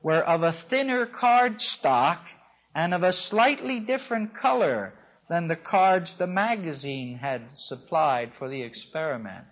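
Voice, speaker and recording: A man's voice: on the high side, animated, unhurried, a bit bright. A man giving a storytelling lecture to an audience, in a wry, dryly amused way. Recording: dull lo-fi recording.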